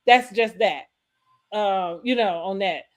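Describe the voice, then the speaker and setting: A woman's voice: medium pitch, slow. A woman co-hosting a casual, opinionated recap chat, rambling and often restating her points mid-thought. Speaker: co-host of a reality TV recap show.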